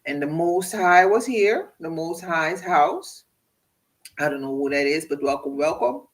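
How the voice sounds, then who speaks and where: A man hosting a casual livestream, rambling through relaxed shout-outs to his viewers and laughing often. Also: a little high, a little slow, rough recording. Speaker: livestream host.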